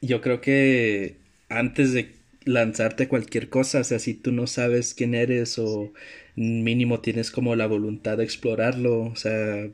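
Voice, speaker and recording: A man with a Mexican Spanish accent hosting a podcast in relaxed, slangy conversation. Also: medium pitch, slow. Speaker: podcast host. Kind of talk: casual interview chat.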